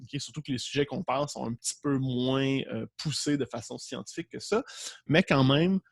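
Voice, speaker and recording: A man's voice: mid-range voice, moderate pace, gravelly, dry recording, studio quality. A man with a Québécois French accent, teaching an online class in a loose, joking way and often restarting his words. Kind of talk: casual online class lecture. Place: home setup with a green screen.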